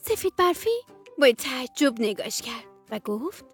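A woman tells a bedtime story for children in a gentle, sing-song manner. Her voice is fairly high and swoops up and down with lively, animated pitch, and soft children's music plays quietly behind her. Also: breathy edge.

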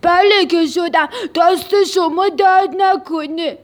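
A woman voicing a big, gentle, curious tree in a children's radio story, in a childlike and wondering manner. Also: very high voice, steady tone, pitched above the performer's own voice. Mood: delighted.

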